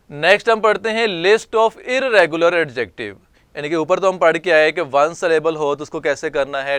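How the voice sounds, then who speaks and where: Give me a male English teacher, recorded dry and close, calmly walking through word forms. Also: fairly high pitch, clean tone, no echo. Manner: slow, spells out word forms one by one. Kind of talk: recorded grammar lesson.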